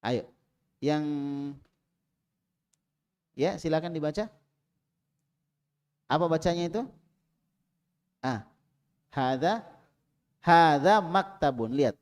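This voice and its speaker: A man teaching an Arabic class in a small prayer room, calling on students and drilling them, with loud prompts and quiet asides. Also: a little high, lively intonation, takes it slowly, long pauses.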